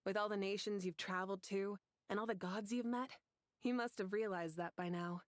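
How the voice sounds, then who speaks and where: A woman's voice: mid-range voice, steady tone, fairly quick, no room sound, studio quality, lightly acted. Mavuika, a woman as an assured fire goddess. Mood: assured, casual. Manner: casual, assured, friendly. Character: confident, generous, easygoing warrior goddess of fire. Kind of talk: video game story dialogue.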